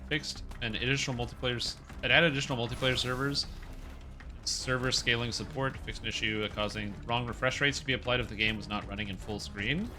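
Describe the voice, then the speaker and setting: Bright-voiced male streamer on a headset mic. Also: medium pitch, fairly even intonation, brisk, faint music behind. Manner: chatty, thanking viewers by name of the stream. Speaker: livestreamer. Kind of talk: casual gameplay commentary.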